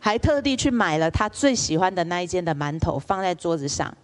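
A woman's voice: on the low side, brisk. A woman lecturer, telling stories in a public lecture and asking the audience questions. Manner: lively storyteller, asks the audience rhetorical questions.

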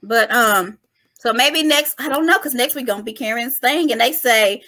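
A woman's voice: a little high, moderate pace, sharp tone. A woman co-hosting a podcast in casual chat, emphatic and chatty, calling listeners "y'all.". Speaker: podcast co-host.

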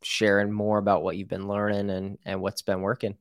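American male show host, lowish pitch, casual rambling interview chat, very dry recording. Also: monotone, fairly quick, no echo. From United States. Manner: informal, rambling, acts out example quotes.

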